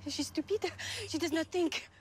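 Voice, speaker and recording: A woman's voice: very high-pitched, measured pace, a little hiss or hum. A woman acting a stern officer in a TV series clip, apologizing in curt, clipped sentences. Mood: apologetic, stern.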